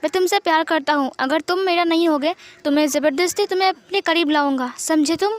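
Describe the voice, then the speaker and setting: A woman's voice: very high-pitched, fairly quick, no room sound. A woman voicing a protective, emotional young man in a fan-fiction reading, talking earnestly and pleading. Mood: insistent. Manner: earnest, pleading, tearful at times.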